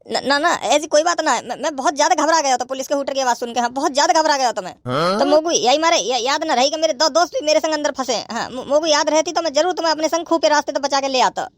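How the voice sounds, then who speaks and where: A woman voicing a cowardly cartoon villager who stammers and pleads fast. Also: sits high, no room sound, clean studio sound, lightly acted. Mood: pleading.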